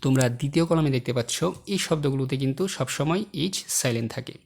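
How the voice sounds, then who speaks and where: A man's voice: mid-range voice, a little mellow. A man teaching a slide-based lesson, reading example words one by one and explaining the rules, with clicking behind him. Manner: slow, word-by-word example reading. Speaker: English teacher.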